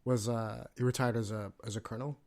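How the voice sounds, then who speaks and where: A man's voice: mid-range voice, flat delivery, fast, darkish tone. A man in his thirties from California, a Navy veteran telling his story as a podcast guest in a loose, profane way, with lots of fillers. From California, USA. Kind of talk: casual podcast interview.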